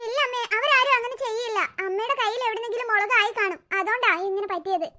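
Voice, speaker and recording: A voice actor playing a gentle, nervous young mother in a cartoon story who explains herself apologetically. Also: extremely high pitch, quick pace. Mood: reassuring. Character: gentle, flustered young mother named Sulu.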